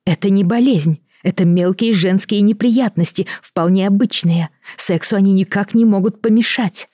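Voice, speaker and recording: Man doing an earnest pleading middle-aged woman, higher voice, dry sound, audiobook. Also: normal speed, a little mellow, dry recording.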